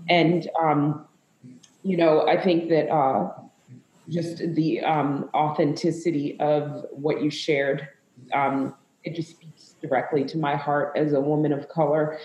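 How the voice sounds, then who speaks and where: A woman pastor from Zambia and the US, speaking in a live panel conversation in a halting, emotional way with many fillers. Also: low-pitched, little pitch movement, a little mellow, dull audio, a little hiss or hum. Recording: echoey room.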